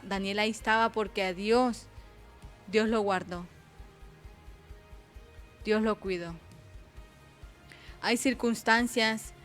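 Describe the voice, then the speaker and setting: A woman preaching a sermon at an intercession program, reading Bible passages aloud and often asking "¿verdad?" as she goes. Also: medium pitch. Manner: slow, repeats "¿verdad?", reads scripture louder and slower.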